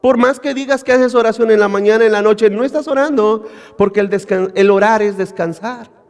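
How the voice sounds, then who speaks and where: Pastor, Latin American Spanish accent, very high male voice, emphatic sermon delivery, long church reverb. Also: fairly quick. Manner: emphatic, animated preaching with repeated phrases and rhetorical questions.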